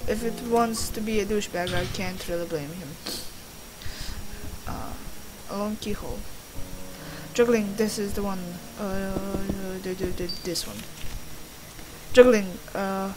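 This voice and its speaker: A woman's voice: medium pitch, unhurried, noisy background. A young woman doing casual gameplay commentary in a rambling, sweary, self-deprecating way. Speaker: gaming video host. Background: game music.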